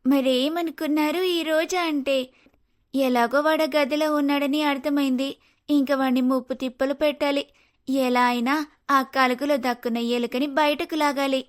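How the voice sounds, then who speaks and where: A bold, clever young daughter-in-law in a cartoon story, played by a woman. Her high voice is firm and declaring, with a scheming edge. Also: fairly even intonation, normal speed, natural voice.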